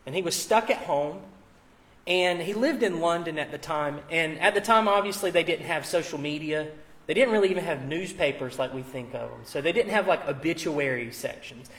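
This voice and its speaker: A pastor preaches at a live church service in a conversational, informal, explanatory style with casual asides. His voice is fairly high and a bit bright, at a moderate pace.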